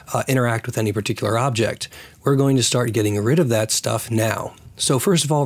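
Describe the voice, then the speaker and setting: A man with a raspy, hoarse voice recovering from losing it, hosting a casual programming tutorial and thinking aloud as he works. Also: medium pitch. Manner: thinks aloud while working. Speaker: tutorial host.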